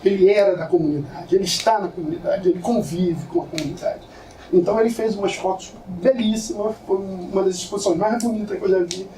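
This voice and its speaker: A man's voice: sits high, fairly quick, mellow, slight background noise. A man giving an informal lecture as a photographer, telling stories in a casual, slangy way to an audience in a lecture room. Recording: echoey room from far off.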